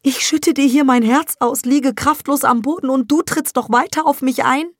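A woman's voice: steady tone, normal speed, no echo, clean studio sound. A woman voicing a distraught grieving mother. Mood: upset, pleading. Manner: emotional, pleading, high and strained. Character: distraught middle-aged mother, grieving and pleading.

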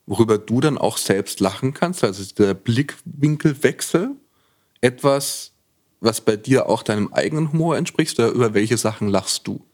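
A man's voice: medium pitch, expressive, moderate pace, a little mellow. A man, a podcast guest, asking probing questions in casual conversation and often rephrasing them mid-sentence.

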